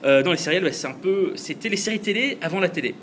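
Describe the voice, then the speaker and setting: A man's voice: sits high, expressive, quick pace, a bit bright, a little hiss or hum. A man hosting a podcast, talking casually and chattily and laughing often. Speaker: podcast host.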